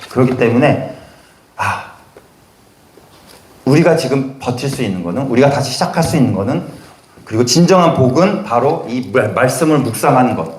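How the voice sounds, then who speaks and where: Animated preaching man in an echoey room. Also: a little high. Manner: animated preaching, acts out voices in quotes, addresses congregation directly. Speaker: pastor. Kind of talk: sermon.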